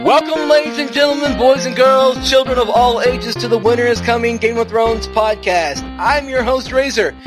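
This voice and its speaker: A man's voice: normal speed, hardly any pauses, over loud music. A man hosting a podcast, announcing theatrically like a circus ringmaster with showman flair. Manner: booming ringmaster-style showman announcing in the opening. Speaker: podcast host.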